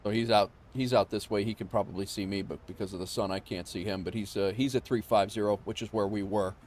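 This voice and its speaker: A man's voice: lowish voice, fairly even intonation, quick pace, darkish tone, a little hiss or hum. Joking man streaming a flight sim. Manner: chatty, teasing, jokey asides. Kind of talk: casual livestream commentary.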